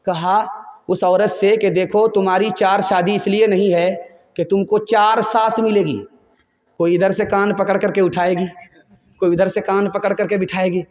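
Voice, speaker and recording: High-voiced man preaching in echoey hall. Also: measured pace, lo-fi sound. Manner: animated storyteller who voices his characters. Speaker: Islamic preacher. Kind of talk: sermon with storytelling.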